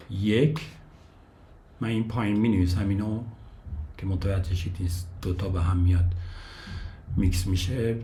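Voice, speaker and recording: Low-voiced man teaching Japanese letters. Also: darkish tone. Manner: counts strokes aloud, repeats syllables for learners. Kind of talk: step-by-step language lesson.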